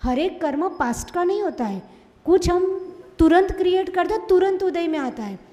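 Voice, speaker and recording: A woman's voice: extremely high pitch, animated, normal speed, warm tone. A Jain nun giving a sermon in Hindi with an Indore accent, scolding and putting rhetorical questions to her listeners. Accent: Indian Hindi, Indore. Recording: long hall reverb.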